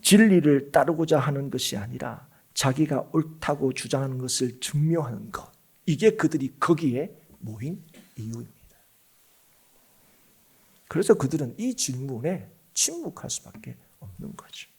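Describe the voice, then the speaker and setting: A middle-aged man preaching a sermon in a church, asking the congregation rhetorical questions and moving between loud emphatic phrases and hushed asides. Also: medium pitch, lively intonation, normal speed, gravelly, slightly rough. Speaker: pastor. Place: church sanctuary.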